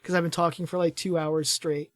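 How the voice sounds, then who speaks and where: A man co-hosts a casual gaming podcast, rambling and chuckling, his slightly high voice tired and starting to fade after hours of talking. He speaks briskly and flatly, in a dry, echo-free studio-quality recording.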